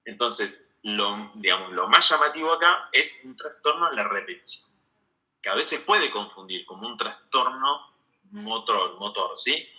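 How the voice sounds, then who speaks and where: A man's voice: on the low side, lively intonation, unhurried, bright, forceful tone, poor audio. A man giving an online medical school lecture, explaining step by step and checking in with "¿sí?" again and again.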